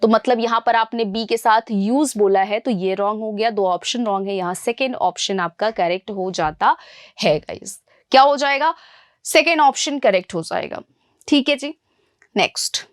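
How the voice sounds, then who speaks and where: Brisk, bright woman teaching English grammar. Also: a little high, no room sound, clean studio sound. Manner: asks questions and answers them herself, calls students "beta" and "guys". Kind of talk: exam-prep grammar lesson.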